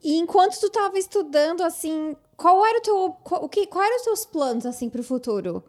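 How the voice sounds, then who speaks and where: A woman's voice: very high-pitched, lively intonation, brisk. A woman hosting a casual interview, reacting to the story and asking follow-up questions. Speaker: host.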